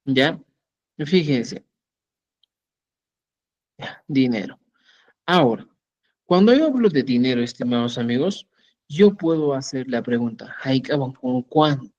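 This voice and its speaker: A man's voice: medium pitch, expressive, measured pace, pauses often, a little mellow, lo-fi sound. A man teaching a language lesson, patiently repeating words and often checking that his students follow.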